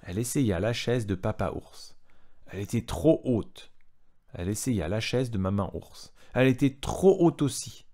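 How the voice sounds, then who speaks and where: A man's voice: lowish voice, lively intonation, normal speed, mellow. A man reading a storybook aloud to a child, stopping to retell parts in plain words and ask the child questions.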